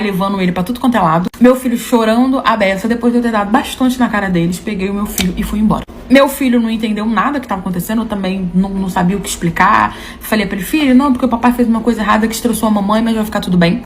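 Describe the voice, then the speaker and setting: A young adult woman telling a dramatic first-person story, acting out the voices of the people in it with big leaps in pitch. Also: slight background noise. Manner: animated, acts out quoted voices with big pitch jumps.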